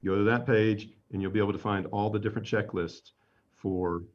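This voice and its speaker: A man answering reporters' questions at a city press briefing in a measured, slightly wry manner. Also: fairly low pitch, steady tone. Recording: dull lo-fi audio.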